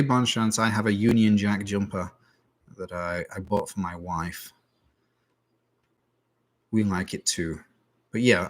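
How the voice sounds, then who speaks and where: A man's voice: on the low side, fairly bright tone, husky. A man, a teacher, answering questions in a casual live stream with dry, self-mocking humor. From England. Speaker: English teacher.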